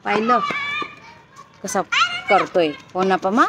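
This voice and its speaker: A woman's voice: mid-range voice, slow. A young woman, a mother talking casually to her children and her viewers, coaxing and playfully scolding. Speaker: vlogger, mother. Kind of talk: casual family vlog chat. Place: home, in and out of doors. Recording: noisy home phone recording.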